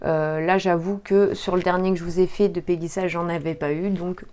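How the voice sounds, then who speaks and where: A woman's voice: fairly low pitch, steady tone, moderate pace, darkish tone. Chatty woman unboxing makeup. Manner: chatty, hesitant, many fillers. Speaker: beauty vlogger. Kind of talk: casual unboxing commentary.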